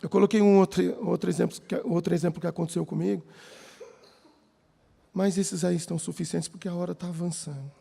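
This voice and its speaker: Preaching in a church hall, a man with a Brazilian Portuguese accent tells personal stories and keeps calling his audience "brothers." His lively voice sits high and runs a little fast, with a creaky, husky texture.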